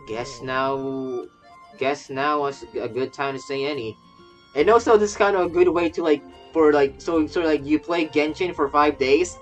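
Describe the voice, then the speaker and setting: A young adult virtual YouTuber streamer with a mid-range voice and moderate pace rambles casually through gaming commentary, often repeating phrases. The voice sits over soft game music.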